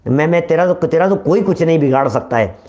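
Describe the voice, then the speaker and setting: A man's voice: on the high side, lively intonation, a little fast, warm tone, dull audio, lightly acted. A man quoting a humbled street cleric who stammers and pleads. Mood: pleading.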